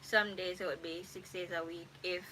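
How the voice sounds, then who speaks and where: Young woman from jamaica rambling on a live stream at home, kinda low voice, slow, little bit of background hum. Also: poor audio. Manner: rambling, relaxed, self-correcting. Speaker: YouTuber. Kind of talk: casual live-stream chat. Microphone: phone. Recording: faint background ambience.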